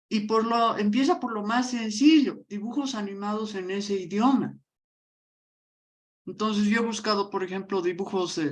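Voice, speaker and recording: A woman teacher from La Paz with a Bolivian accent, explaining a lesson and calling on students by name. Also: medium pitch. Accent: Bolivian Spanish (La Paz).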